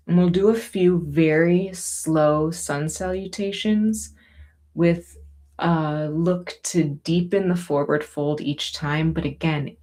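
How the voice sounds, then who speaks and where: Guiding each movement in a yoga and breathing class, a woman with a deep voice offers calm, gentle encouragement and never rushes.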